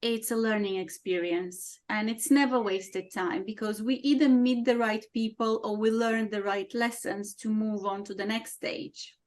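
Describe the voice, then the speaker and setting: A woman's voice: medium pitch, fairly even intonation, measured pace, hardly any pauses. A woman hosting a podcast interview, effusive and admiring, who asks long, circling questions. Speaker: podcast host. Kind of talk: interview conversation.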